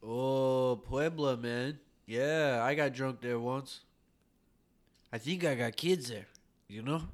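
A man co-hosting a casual podcast, tasting beer and telling jokes in an animated way. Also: mid-range voice, slow. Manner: animated, laughs at own jokes. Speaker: podcast co-host. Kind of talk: casual chat, joke telling.

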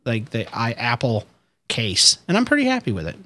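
Co-hosting a casual podcast over Skype, this man has a bright, forceful voice with huge pitch swings and a moderate pace. He jokes around in casual chat, breaking into silly high-pitched impressions and giggles.

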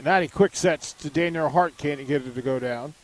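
A man calling live volleyball play-by-play for a radio network, naming each serve and point in a brisk, measured way. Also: a little high. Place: arena broadcast position high above the court.

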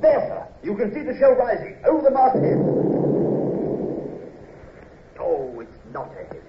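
Keen young navy captain, high voice jumping all over, stammers a lot, muffled old radio. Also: male voice, wildly swooping pitch, fairly quick, exaggerated voice. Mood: excited. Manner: eager, stammering when praised. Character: young eager naval captain, earnest and flustered. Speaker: ship captain. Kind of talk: 1950s radio drama acting. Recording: dull old radio recording with faint hiss.

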